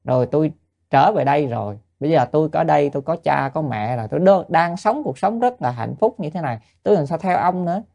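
A man voicing a small child who brushes off a stranger indifferently, in a slightly raised gravelly voice. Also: fairly high pitch, animated, fast talker, mellow. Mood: dismissive. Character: small child, dismissive and carefree.

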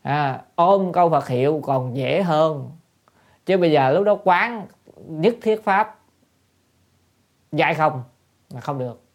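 Creaky-voiced woman giving a dharma talk. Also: deep voice, lively intonation, slow, long pauses. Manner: asks the listeners rhetorical questions and answers them; repeats short phrases for emphasis. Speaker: Buddhist dharma teacher.

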